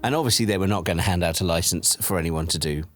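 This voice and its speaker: Speaking quickly in a low voice, a middle-aged audio drama producer casually recalls past events for a documentary interview. He tells anecdotes and acts out bits of conversation along the way.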